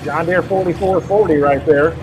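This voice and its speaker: Male tractor pull announcer, high voice, drawn-out numbers and names, repeated results, outdoor fairground, clear engine noise behind. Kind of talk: live tractor pull announcing over a PA to a crowd. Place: outdoors at a county fair track.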